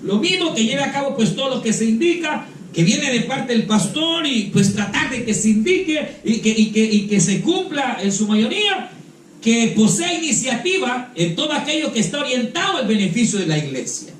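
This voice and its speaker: High-voiced fervent man preaching. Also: expressive, moderate pace, a little hiss or hum. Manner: fervent, calls out "hermano" and "aleluya"; repeats words while searching for them. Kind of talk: church retreat teaching. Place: church hall. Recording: echoey hall, mic at a distance.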